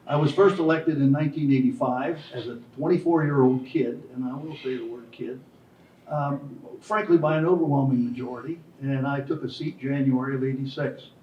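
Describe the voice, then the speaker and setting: A man in his sixties, a school board candidate, answering forum questions in a formal, measured way with some hesitations. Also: medium pitch, a little hiss or hum. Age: 60s. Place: classroom-like meeting room. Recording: echoey room from far off, dull sound.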